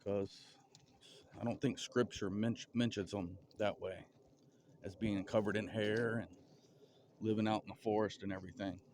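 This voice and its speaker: Southern man, deep voice, halting casual musing, outdoor woods vlog. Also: steady tone, darkish tone, a little hiss or hum. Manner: rambling, halting, with stutters and restarts. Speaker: vlogger. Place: outdoors in a forest.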